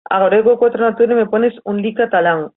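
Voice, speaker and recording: An Italian teacher with a Spanish accent from Spain, speaking in a mid-range voice at a moderate pace, runs a live online lesson. She reads students' chat questions out loud and explains patiently; the recording has a tinny, phone-like quality.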